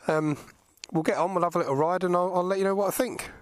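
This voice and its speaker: A man's voice: high voice, fast talker, dry recording, clean studio sound. A man speaking from inside a motorcycle helmet, giving a casual spoken review as he rides outdoors, with wind and road noise around the mic. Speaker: vlogger test-riding a motorcycle.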